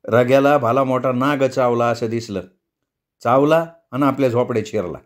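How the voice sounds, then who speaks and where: A rough, restless young laborer who speaks plainly and bluntly, as a male storyteller reads him. His voice sits at an ordinary middle pitch. It is heard in an audiobook. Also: normal speed, natural voice.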